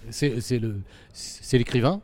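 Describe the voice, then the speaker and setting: A man's voice: mid-range voice, expressive, a little slow, a little mellow. A man interviewing a circus artist, asking long questions with many hesitations.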